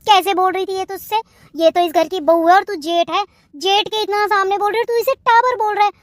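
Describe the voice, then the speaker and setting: A woman's voice: very high voice, steady tone, brisk, no echo, clean studio sound. A woman voicing a bossy, protective sister-in-law in a cartoon, lecturing in a domineering way.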